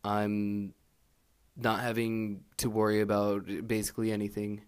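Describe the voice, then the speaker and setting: A young exchange student rambles through an audio diary in a low, easygoing voice that's monotone, a little slow, clear and resonant. He's laid-back and candid, meandering with lots of fillers and restarts, recorded on a handheld recorder held close.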